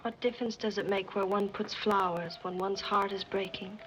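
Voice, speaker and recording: A woman's voice: mid-range voice, steady tone, normal speed, close to an everyday voice, poor audio. An actress playing a melodramatically heartbroken, pouting young rich girl in 1930s screwball comedy banter. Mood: tragic sulking. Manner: theatrical, mournful, pouting. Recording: old 1930s film soundtrack, music behind.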